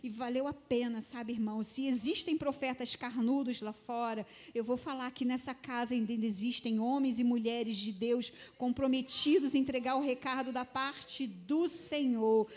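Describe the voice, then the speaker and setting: Brief: Brazilian woman preacher in her forties, emphatic and conversational, fairly high-pitched. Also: steady tone, moderate pace, few pauses, a little mellow. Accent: Brazilian Portuguese. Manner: conversational, emphatic, addresses the congregation. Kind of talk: storytelling sermon.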